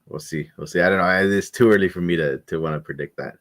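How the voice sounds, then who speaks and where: A man's voice: sits low, quick pace, a bit bright. A man co-hosting a casual sports talk stream, thinking aloud with many hedges and restarts. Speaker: podcast co-host.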